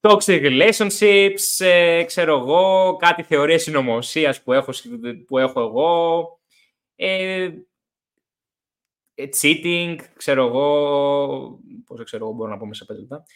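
A young man chats casually on his podcast and acts out his stories with lots of animation. His voice sits a little high, and he swears freely. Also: fairly bright tone. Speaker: podcast host.

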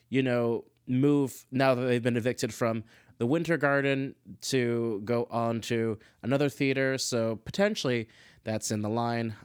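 A man's voice: mid-range voice, dry recording, studio quality. A man hosting a casual solo commentary show, chatty and self-deprecating, wandering off on tangents. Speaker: podcast host.

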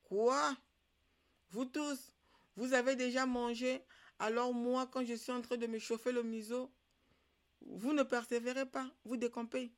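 A storyteller putting on a stubborn and proud storybook dog who will not budge. The voice climbs high and loud when indignant. It sounds like a spirited grumble from a folk tale. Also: a little slow, gravelly. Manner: raised excited grumbling voice.

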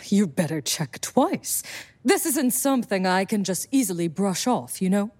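A woman's voice: mid-range voice, lively intonation, a little slow, darkish tone. A woman playing a wry, self-assured vampire sire. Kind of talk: audio drama acting.

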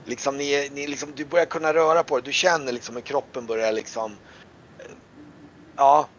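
A man's voice: fairly even intonation, a bit bright. A man narrating a tabletop game as game master, rambling with many fillers. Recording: dull lo-fi sound with faint rumble.

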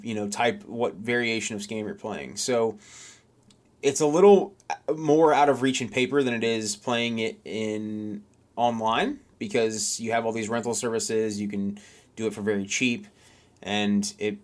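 A man's voice: fairly low pitch, moderate pace. A man co-hosting a podcast, chatting casually and rambling with lots of restarts and fillers. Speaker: podcast co-host. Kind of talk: casual chat.

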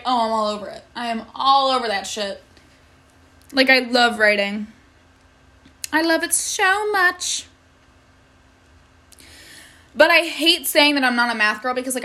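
Teen girl ranting bout math, bright voice, a bit high, swears a ton, like like like. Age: teens. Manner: exasperated, swears a lot, many likes. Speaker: high school student. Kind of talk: casual venting vlog.

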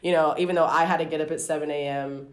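Podcast host, woman, low voice, chatty and giggly, lots of "like" and "um". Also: fairly even intonation, fast talker. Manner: giggly, rambling with many fillers. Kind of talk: casual podcast chat. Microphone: remote call.

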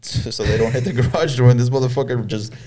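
A man's voice: mid-range voice, fast, dark tone. A young man telling stories in casual group chat, talking like a frat bro with heavy swearing and slang. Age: young adult.

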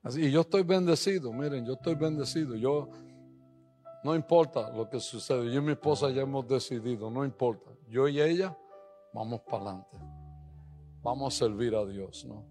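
A man preaching a sermon, telling stories and building up to loud exhortation, with English phrases mixed into his Spanish. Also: moderate pace, soft background music. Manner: storytelling, swings from low asides to loud rising exhortation.

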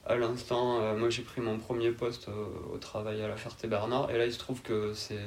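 Male, 20s, southern French accent; calm, hesitant interview guest with a mid-range voice. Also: medium pitch, normal speed, slight background noise. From south of France. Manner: calm, laid-back, hesitant. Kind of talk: casual interview answers.

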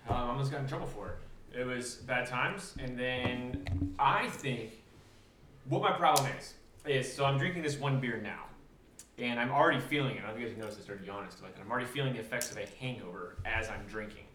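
A man's voice: mid-range voice, a little fast, reverberant, far from the mic, noisy background. Candid swearing man on a podcast. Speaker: podcast co-host. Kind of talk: casual chat.

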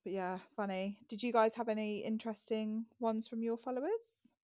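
A woman co-hosting a casual chat, lively and quick to laugh as she tells stories. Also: a little high, no echo, studio quality. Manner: lively, laughs often, acts out voices in stories. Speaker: podcast co-host.

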